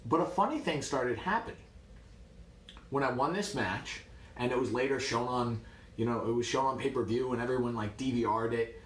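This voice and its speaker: A man from New York, a martial arts coach, telling a story in a lively, wry way. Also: mid-range voice, moderate pace, reverberant, a little hiss or hum. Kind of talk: casual storytelling.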